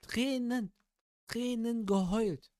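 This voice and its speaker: A man's voice: very high-pitched, slow. A man hosting a podcast, telling stories animatedly in casual chat. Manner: animated storytelling. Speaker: podcast host.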